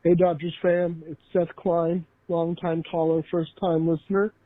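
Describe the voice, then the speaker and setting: A man's voicemail is played back, and it sounds narrow and tinny, as through a phone line, with no room around it. He talks casually and confidently in a slightly high voice, upbeat and joking like a regular caller. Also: level tone, measured pace, dry recording. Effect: voicemail played over a phone line. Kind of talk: casual sports-fan phone message.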